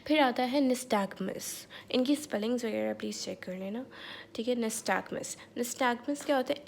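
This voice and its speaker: A woman with a raised, gravelly voice and a slightly sore throat talks through a lecture in a relaxed, chatty way, checking in with listeners as she goes. A faint hiss sits under the recording. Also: fairly high pitch. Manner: chatty, mixes English terms, repeats "theek hai". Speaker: medical lecturer. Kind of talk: casual online lecture.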